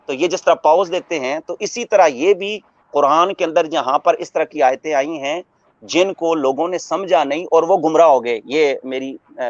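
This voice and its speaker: A man giving a religious talk as a scholar, preaching in a measured way, quoting Arabic verses and explaining them with everyday examples. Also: a little high, no room sound. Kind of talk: religious talk on a radio broadcast. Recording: muffled radio broadcast audio.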